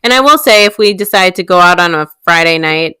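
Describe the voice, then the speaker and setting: A woman's voice: on the low side, expressive, brisk, sharp tone, clear, resonant tone, dry recording. A woman in her thirties co-hosting a casual chat, talking easily and laughing often. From Illinois. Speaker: co-host.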